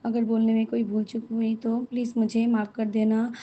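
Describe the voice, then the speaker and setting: Woman from West Bengal, hoarse voice, higher pitch, very dark and mellow tone, dull lo-fi recording, devotional thanksgiving. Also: completely flat delivery. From West Bengal, India. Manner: repetitive, prayerful, halting with fillers. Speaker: devotee sharing a thanksgiving satsang. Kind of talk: devotional testimony and repeated thanksgiving.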